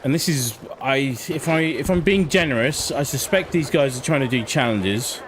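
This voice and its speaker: A game livestreamer with a mid-range voice gives casual live commentary at normal speed while streaming his gameplay. The recording is low in quality, with faint shooter game sounds behind his voice.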